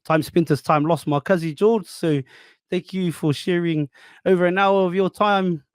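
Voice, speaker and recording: A man's voice: sits high, fairly even intonation, moderate pace, clean tone, dry recording, clean studio sound. A man with a broad New Zealand accent hosting a podcast as a casual chat, talking in a jokey, matey way full of slang. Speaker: podcast host.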